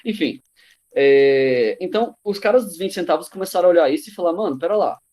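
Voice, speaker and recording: A man's voice: high voice, expressive, brisk, darkish tone. A man teaching a live online class over a video call, casual and slangy, acting out what people said. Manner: casual and slangy, acts out quotes.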